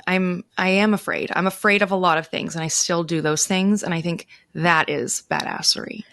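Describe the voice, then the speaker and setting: Her medium-pitched voice is a bit bright as this travel writer, a podcast guest, launches into lively, informal stories with emphatic delivery, performing others' quoted speech. The clean studio recording carries no echo.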